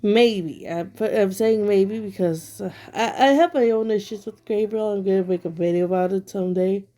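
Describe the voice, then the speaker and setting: An online commentator at home, a woman who's a little sick with a lingering throat issue, voices blunt, critical opinions with plenty of fillers. Her voice is mid-range and warm, at a moderate pace.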